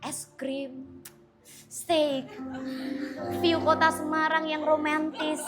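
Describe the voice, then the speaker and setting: A woman's voice: sits high, slow, music in the background. A woman pastor in her thirties giving a sermon with a personal testimony, telling it casually and acting out conversations. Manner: animated storytelling, acting out dialogue; casual, chatty.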